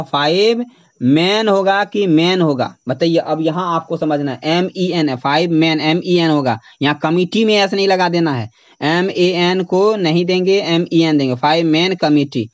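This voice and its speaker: In a grammar lecture to students, a man teaches English methodically, repeating key points and spelling out words one letter at a time. His pitch is fairly high, and the recording has its highs cut off.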